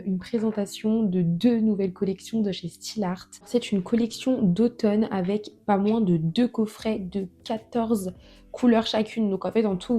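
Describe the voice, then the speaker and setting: Chatty woman with a mellow voice. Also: medium pitch. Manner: chatty, full of fillers, self-deprecating. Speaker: nail product reviewer. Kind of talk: casual product presentation.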